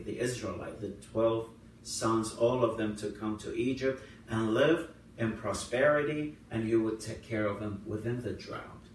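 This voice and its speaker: A man, a priest whose first language is Assyrian, leading an informal Bible study and retelling scenes with rising emphasis in the quoted lines. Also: on the low side. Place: church hall. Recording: very echoey room, voice from far off, faint noise.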